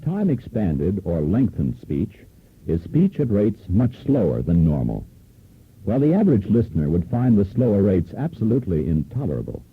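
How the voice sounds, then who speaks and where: A man's voice: fairly low pitch, slightly rough, phone-quality sound. A man giving scripted promotional narration for a product demo, heard from an old, worn cassette tape copy from the early 1970s.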